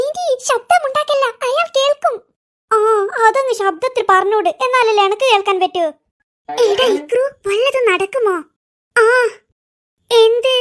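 Squeaky cartoon kids, quick bickering banter, very high voice. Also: female voice. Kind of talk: comic cartoon voice acting.

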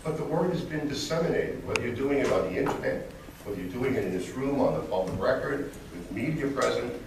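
A man's voice: mid-range voice, animated, brisk, creaky. A man serving as town supervisor, answering a resident at a public meeting in a defensive, lawyerly way and repeating his denials. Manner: defensive, lawyerly, repeats himself while rebutting. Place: large echoey public meeting hall. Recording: echoey hall, distant mic, audible room noise.

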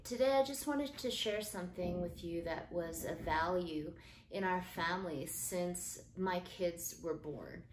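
A middle-aged woman hosting a podcast, talking in a casual, earnest and gentle way about parenting and faith. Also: fairly low pitch, measured pace, noisy background. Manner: earnest, gentle, uses fillers like um. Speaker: podcast host. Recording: echoey room with faint ambience.

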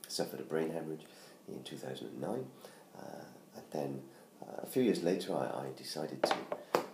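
A middle-aged UK man with laryngitis-roughened hoarseness promotes his book casually from home, sitting by the Christmas tree in his living room. His very deep, slightly mellow voice has lively intonation and a moderate pace, with many ums and restarts. A tablet camera records him up close, picking up roomy sound and faint noise.

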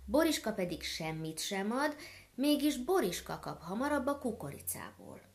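A woman's voice: fairly high pitch, very animated, creaky. A woman voicing a small, polite young goose who speaks eagerly as a messenger in a storybook tale.

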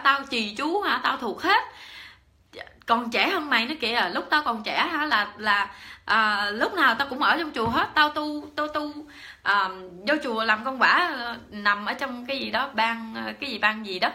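A woman voicing an angry, defensive old woman in her seventies who scolds in rapid, indignant rhetorical questions. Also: on the high side, bright, forceful tone, pitched above the performer's own voice. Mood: scolding.

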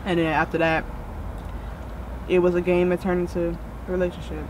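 A young woman in her twenties chatting casually in a car, telling a relaxed story with her mouth partly full of fries. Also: fairly low pitch, fairly quick. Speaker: vlogger answering viewer questions. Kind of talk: casual chat over food. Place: inside a car. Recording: outdoor traffic noise around a car.

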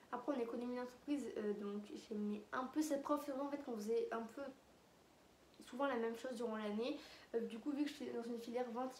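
A woman's voice: fairly high pitch, a little mellow, a little hiss or hum. A teenage girl chatting casually to her viewers, full of fillers and asides. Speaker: vlogger. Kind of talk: casual chat to camera. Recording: echoey room with faint ambience.

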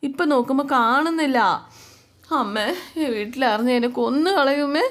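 A frightened young wife, put on by a woman retelling a serial pleads tearfully. Her voice is pitched higher than the narrator's own and pushes out a little louder. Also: moderate pace, lightly acted. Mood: distressed.

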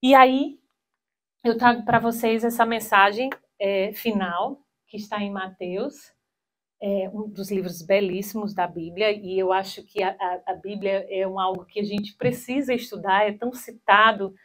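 A woman in her thirties gives a spiritual talk in a small hall, holding a handheld mic and sharing personal stories. She's animated and acts out quoted voices, speaking at medium pitch and an unhurried pace.

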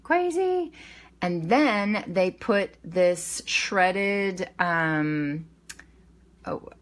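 A woman's voice: fairly low pitch, animated, very slow. A middle-aged woman casually talking through her packed meals at a kitchen counter, rambling with fillers and self-corrections. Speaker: weight-loss vlogger. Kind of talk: casual meal-prep walkthrough. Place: home kitchen counter, indoors.

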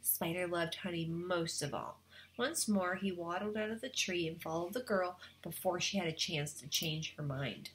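A woman's voice: lowish voice, moderate pace, poor audio. A woman teacher reading a storybook aloud to students and explaining the lesson. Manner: expressive, explaining.

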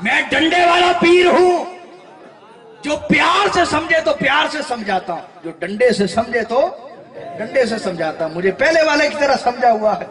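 A man voicing a fierce old male dervish who scolds at a shout, heard echoing in a hall from far off. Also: extremely high pitch, animated, a faint crowd, pitched above the performer's own voice. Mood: furious scolding.

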